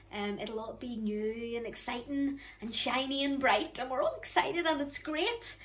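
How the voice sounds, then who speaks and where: A middle-aged woman with a Northern Irish accent, leading an online children's church talk from her living room. She speaks to the children directly in a warm, chatty, encouraging way into a close camera. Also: on the high side, poor audio. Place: living room at home, indoors.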